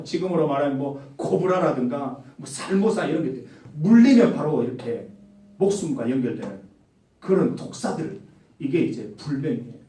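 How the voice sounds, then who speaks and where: A male pastor preaching a sermon to young adults, animated and asking the congregation direct questions. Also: fairly high pitch. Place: church sanctuary. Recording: echoey hall, mic some distance off.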